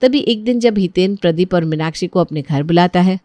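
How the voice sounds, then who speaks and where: Woman narrating a storybook calmly. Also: fairly low pitch, brisk, dry recording. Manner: calm, plain storytelling.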